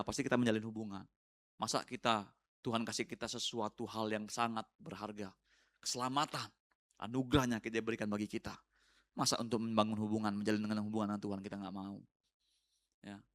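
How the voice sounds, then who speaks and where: Male pastor with a bright, forceful voice, preaching to the congregation and prodding them with questions. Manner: conversational, peppered with tag questions to the congregation; teasing, with bursts of laughter and high mocking exclamations. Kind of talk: sermon.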